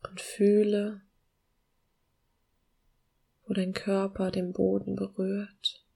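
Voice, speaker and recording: A woman guiding a meditation in a soft, hushed, soothing near-whisper with long pauses and a breathy voice. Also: medium pitch, completely flat delivery. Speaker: podcast host guiding a meditation.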